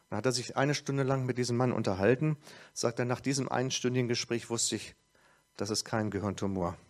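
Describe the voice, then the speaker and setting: A man preaching a sermon, retelling a story loosely with fillers and restarts. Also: mid-range voice.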